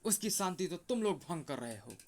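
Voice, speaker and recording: A man's voice: high voice, big pitch swings, fairly quick, a little mellow. A man voicing a stern, righteous jungle protector who speaks in a commanding way in a comic story. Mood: punishing.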